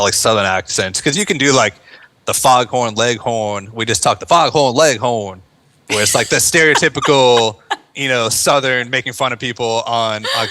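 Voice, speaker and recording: A man's voice: mid-range voice, pushed and bright. A man from the United States, a veteran turned actor, talking earnestly and reflectively as a podcast guest, with many fillers like "like" and "you know". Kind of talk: casual interview talk.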